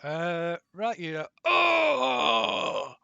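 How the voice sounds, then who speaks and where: A man running a tabletop game as game master, his voice cutting out and stuttering over a dropping call connection, halting with fillers. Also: high voice, sing-song, vocal fry, bright, forceful tone, dry recording, highs cut off. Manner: halting, full of fillers and restarts. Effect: call connection cutting out, stuttering dropouts.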